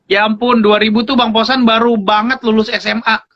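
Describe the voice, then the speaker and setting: A man's voice: high voice, flat delivery, fairly quick, no room sound, dull audio. A man in his thirties chatting casually and teasingly as a guest on a phone live stream. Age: 30s. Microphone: phone on a live video stream.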